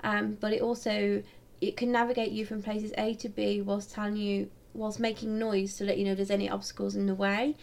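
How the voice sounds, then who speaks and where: A woman's voice: medium pitch, flat delivery, fairly quick, gravelly, hardly any pauses, a little mellow. A woman co-hosting a podcast, chatting casually in an informal, jokey way. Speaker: podcast co-host. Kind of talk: casual chat.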